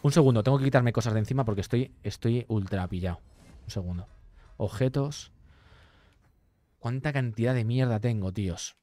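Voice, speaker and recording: Hombre que comenta un juego en directo, muy hablador y malhablado. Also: male voice, mid-range voice, normal speed, pauses often, mellow, dry recording. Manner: chatty, swears often, reads and answers chat. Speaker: streamer. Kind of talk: live gameplay commentary.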